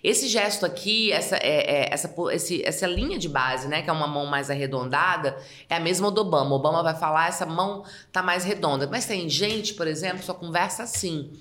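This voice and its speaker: A woman, a communication specialist, explaining on a podcast in an expressive way and acting out example quotes. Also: low-pitched, a little fast, hardly any pauses. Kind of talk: casual podcast chat, explaining.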